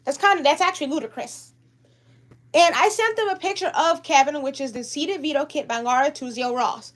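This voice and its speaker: Brief: young woman, high voice, upset rambling livestream vlogger. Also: brisk, a bit bright. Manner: upset, rambling, repeats herself. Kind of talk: livestream vlog talk.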